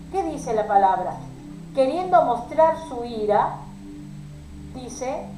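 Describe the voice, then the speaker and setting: Fervent woman preacher, fairly high voice, echoey room with faint music behind. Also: a little mellow. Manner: pleading, emotional preaching addressed to sisters. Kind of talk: sermon.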